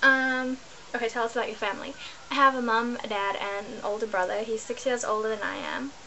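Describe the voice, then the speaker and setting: A woman's voice: on the high side, steady tone, fairly quick, bright, forceful tone, slight background noise, rough recording. A young woman from New Zealand, chatting to camera in a rambling, self-correcting way from her bedroom, recorded on a laptop webcam. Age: young adult. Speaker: vlogger. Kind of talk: casual chat to camera. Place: small bedroom indoors.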